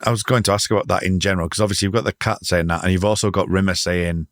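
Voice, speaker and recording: Deep-voiced podcast host man. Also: fairly even intonation, very fast, no room sound. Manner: chatty, loose, self-correcting. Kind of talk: casual podcast interview.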